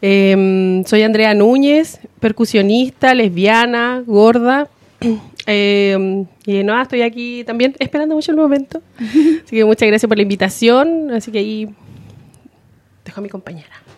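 A woman percussionist speaks in a fairly high, happy voice on the radio. Her tone is grateful, and the room sound is dry. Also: unhurried, a little mellow, no echo. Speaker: percussionist guest. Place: radio studio.

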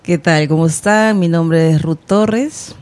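Relaxed, mellow woman from Peru. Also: deep voice, slow pace. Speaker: guitarist guest. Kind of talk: casual radio chat.

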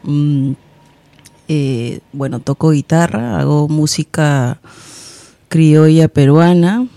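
Relaxed woman guitarist. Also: deep voice, takes it slowly, creaky, no room sound. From Peru. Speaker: guitarist guest. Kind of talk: radio guest introduction.

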